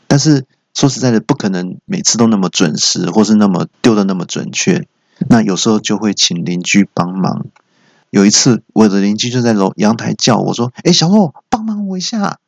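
A man hosting a solo comedy show, telling jokey stories and jumping into shouted character quotes. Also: lowish voice, brisk, creaky, no room sound. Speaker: comedy podcast host. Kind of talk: solo stand-up storytelling. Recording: dull lo-fi recording.

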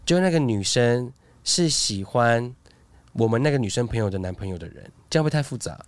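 Animated man chatting. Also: brisk, no room sound. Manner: lively, acts out voices in a high squeal. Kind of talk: casual chat.

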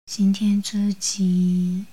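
A woman narrating a guided bedtime relaxation like a sleep story narrator, in a soothing, hushed, breathy near-whisper with long pauses. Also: medium pitch, little pitch movement, poor audio. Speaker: host of a bedtime relaxation show.

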